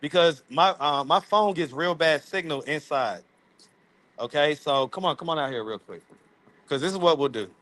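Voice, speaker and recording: A man's voice: fairly high pitch, normal speed, fairly bright tone, no echo. Laughing man streaming live from the street. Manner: laughing, loose and playful. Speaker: livestream host. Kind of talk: casual live-stream chat. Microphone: phone camera.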